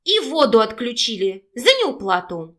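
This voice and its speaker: A woman's voice: fairly high pitch, sing-song, moderate pace. A woman voicing a feisty sarcastic young heroine. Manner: sarcastic, indignant, loud. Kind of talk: audiobook character voicing.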